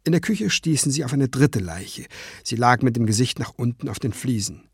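A male audiobook narrator with an animated, rising and falling delivery. He tells the story in scripted narration. The recording is dry and close. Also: mid-range voice, moderate pace, breathy edge, no room sound.

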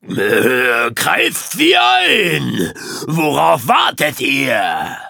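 A deep, growling lion king, greedy and full of himself, as a man reads him out. The voice is slow, rough and breathy, with lordly swings of pitch, and sits dry and close in the storybook recording. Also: wildly swooping pitch, pushed and bright, dry recording, heavily acted. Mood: bellowing. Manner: growling, gloating, bellowing orders. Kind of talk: audiobook character voice.

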